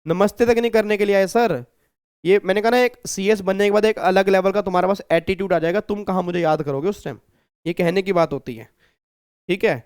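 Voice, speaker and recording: Chatty high-voiced male teacher. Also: fairly quick, a little mellow, smooth, no room sound, clean studio sound. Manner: chatty, repeats himself, keeps checking with students. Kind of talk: recorded exam-prep lecture.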